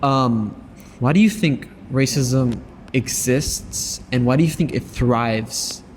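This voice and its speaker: A man's voice: mid-range voice, slow pace, a little mellow. A man hosting a casual chat, asking questions hesitantly with many fillers. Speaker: host. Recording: roomy reverb with background hiss.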